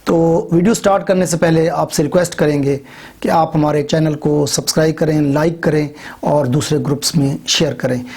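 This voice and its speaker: A middle-aged man teaching English pronunciation in a video lecture, slowly spelling out words letter by letter with frequent hesitant fillers. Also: a little high, fairly even intonation, a little mellow, slightly rough.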